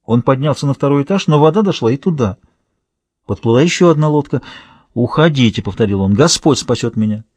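A man narrating a thriller audiobook in a steady, measured reading. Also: mid-range voice, no room sound. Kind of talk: scripted narration.

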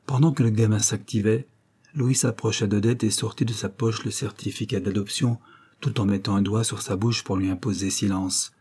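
A man reading a novel aloud as an audiobook narrator, steady and measured. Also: on the low side, husky. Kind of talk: scripted narration.

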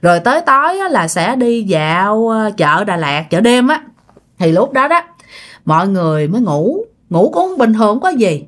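A woman's voice: mid-range voice, very animated, normal speed. Chatty woman telling a ghost story. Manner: chatty, addresses listeners directly. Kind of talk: casual ghost story narration.

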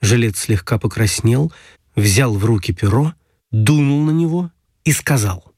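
A man's voice: medium pitch, slightly rough, no echo, studio quality. Man narrating an audio story. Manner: steady storytelling, brisk past-tense narration.

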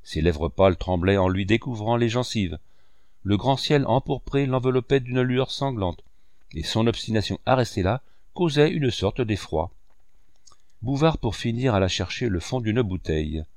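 A man narrating an audiobook of a classic novel in a measured, expressive reading voice on a close mic. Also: fairly low pitch, no echo.

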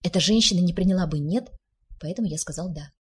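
A woman's voice: fairly low pitch, fast talker, a little mellow, slightly rough. A woman reading as a sulky, flustered young man. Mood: sheepish. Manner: grumbling, defensive.

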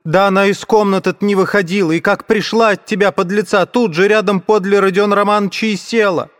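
A frantic impoverished widow, as a male reader puts her on, shrieks and pleads in a shrill, raised voice. Her outcries tumble out in a breathless rush. It is a character voice in an audiobook reading. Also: steady tone, brisk, fairly bright tone. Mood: furious.

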